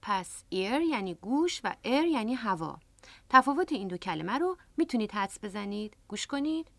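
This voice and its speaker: Lively-voiced woman teaching on radio. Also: mid-range voice, creaky, no echo. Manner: patient, explanatory. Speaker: English teacher and radio host. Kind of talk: radio language lesson. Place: radio studio.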